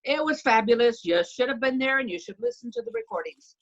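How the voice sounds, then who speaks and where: High-voiced woman, dull lo-fi call audio. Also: huge pitch swings, a little fast. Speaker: community member. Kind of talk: casual group video call greeting. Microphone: video call.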